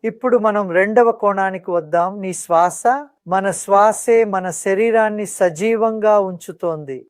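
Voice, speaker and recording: In a calm, soothing, mid-range voice, a meditation guide offers instructions in measured phrases separated by pauses. The smooth sound is close and dry, with very little room echo.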